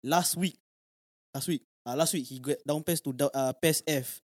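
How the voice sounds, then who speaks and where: A man's voice: on the high side, moderate pace, a little mellow, no room sound, studio quality. A young man from Singapore with a Singaporean accent, chatting casually in slangy English mixed with Malay. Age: young adult. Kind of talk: casual group chat.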